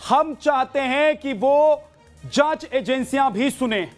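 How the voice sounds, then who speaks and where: Loud, high-pitched male news anchor. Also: slow, faint music behind. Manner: forceful, declamatory, repeats phrases for emphasis.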